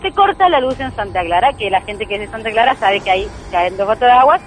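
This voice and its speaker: A woman's voice: mid-range voice, animated, fast talker, rough recording. A woman with an Argentine accent telling a true ghost story as a guest, earnest and emphatic, repeating key phrases. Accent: Argentine Spanish.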